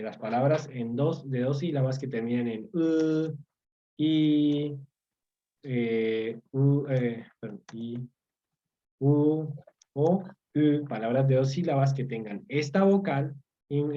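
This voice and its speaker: A man's voice: mid-range voice, muffled recording. A man tutoring a class online, patiently explaining, repeating key words and often checking that students follow. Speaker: language teacher.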